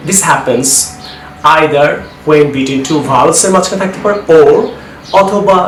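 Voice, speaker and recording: A man's voice: fairly high pitch, a bit bright. Man teaching pronunciation in an echoey room. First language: Bengali. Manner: mixes Bengali and English, repeats example words twice. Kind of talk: online language lesson. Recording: echoey room, faint background hiss.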